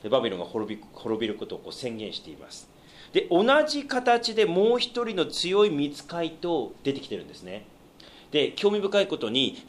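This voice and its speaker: A man delivering a Bible study sermon, his pitch climbing and falling in lively swings. He explains things patiently, pausing on fillers and turning to ask his listeners questions. His voice sits a little higher than most men's. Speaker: pastor teaching the Bible.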